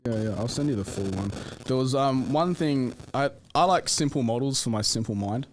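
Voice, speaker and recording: A man's voice: medium pitch, moderate pace, slight background noise. Laughing, rambling man guest. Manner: laughs often, frequent fillers and restarts, swears casually. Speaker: podcast guest, business owner. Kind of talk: casual podcast conversation.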